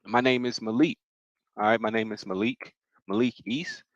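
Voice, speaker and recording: A man's voice: medium pitch, steady tone, moderate pace, no echo, muffled recording. A young man from Mississippi, presenting a live financial workshop in a casual, encouraging way and often repeating himself. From Mississippi, United States.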